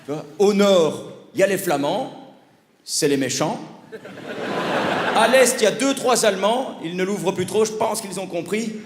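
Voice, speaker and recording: Brash Belgian comic in a hall. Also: male voice, high-pitched, animated, moderate pace, long pauses. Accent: Belgian French. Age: 30s. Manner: brash, mocking, acts out dialogue in funny voices. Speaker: stand-up comedian. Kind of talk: stand-up comedy set. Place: theatre stage before a live audience. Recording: roomy live hall with audience noise.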